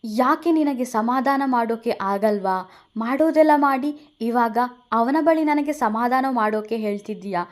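A woman's voice: fairly high pitch, unhurried, close to an everyday voice. Woman voicing a tearful, angry young bride. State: crying.

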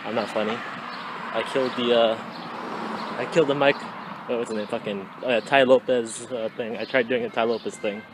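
Out on residential streets, a twenty-something man vlogs into a phone at arm's length, chatting in a rambling, slangy way with some swearing. His mid-range voice holds a steady tone at a moderate pace, and the handheld recording is noisy.

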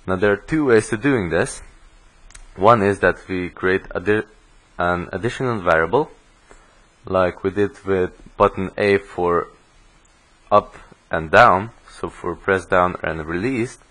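A man's voice: sits low, measured pace, fairly bright tone, poor audio. A young man narrating a coding screencast as the instructor, explaining steadily and often restarting words mid-sentence. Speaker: programming instructor.

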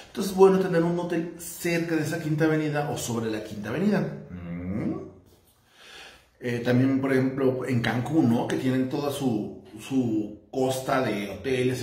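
A man's voice: medium pitch, a little mellow. A man from Mexico with a Mexican Spanish accent, giving casual, rambling travel tips and often asking "¿no?". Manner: chatty, rambling, tags lines with "¿no?". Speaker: vlogger. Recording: roomy echo.

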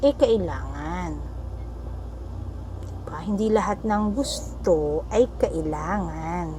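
Slow, patient mother. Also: on the low side, expressive, dark tone, a little hiss or hum. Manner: patient, coaxing, mixes Tagalog and English. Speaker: mother vlogging with her young daughter. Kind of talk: casual vlog, gently explaining to a child.

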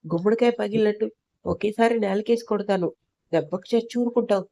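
A woman's voice: medium pitch, fairly quick, vocal fry, warm tone, no echo, lightly acted. A woman voicing a young husband in an audio love story, teasing his wife with playful scolding. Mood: mock threatening.

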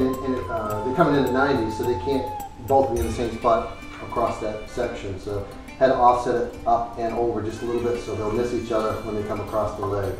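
A man in his thirties casually explaining his woodworking build in a home garage workshop, halting with many ums and uhs. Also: mid-range voice. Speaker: woodworking vlogger. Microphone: far camera. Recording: echoey garage, voice from far off, music behind.

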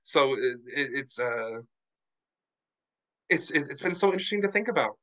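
Bright-voiced man on a video call. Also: mid-range voice, moderate pace, rough recording. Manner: animated, frank, lots of fillers. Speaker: book club member. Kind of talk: casual group discussion.

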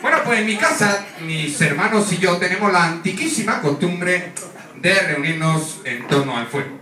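A man's voice: high voice, expressive, moderate pace, a crowd in the background. A man from doing a stand-up comedy monologue, teasing the audience with constant tag questions. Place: comedy stage with a live audience. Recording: roomy, distant mic, audience laughter.

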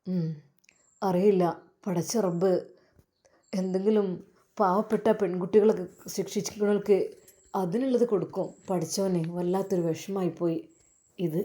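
A woman voicing a kind, patient father, speaking softly in a storytelling piece. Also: mid-range voice, steady tone, moderate pace, long pauses, voice pushed down, close to an everyday voice. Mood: sorrowful. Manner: soft, soothing, sorrowful. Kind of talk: storytelling with acted voices.

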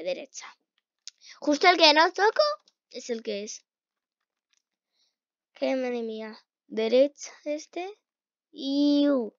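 Excitable high-voiced woman gaming, gravelly edge. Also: no room sound, highs cut off. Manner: excitable, shrieks at failures, mutters while playing. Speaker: gaming youtuber. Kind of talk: casual let's-play commentary.

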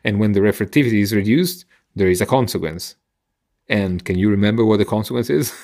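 Joining from an indoor room on a video call with a close headset mic, a middle-aged man explains science for a podcast. His fairly low voice is a little mellow and heavy with vocal fry. Conversational and patient like a teacher, he halts and pauses as he goes.

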